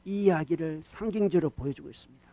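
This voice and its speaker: A man preaching a sermon as pastor, animated, repeating key phrases and questioning the congregation. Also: on the high side, fast talker, creaky, no room sound, muffled recording. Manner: animated preaching, acts out short rebukes to the devil.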